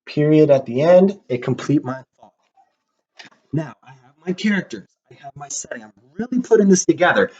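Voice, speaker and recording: A man's voice: fairly high pitch, expressive, moderate pace, darkish tone, slightly rough. A man teaching young children, talking to them in an upbeat way while he draws. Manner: upbeat, talks to kids while drawing. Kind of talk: reading a storybook and teaching a lesson. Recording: dull lo-fi sound.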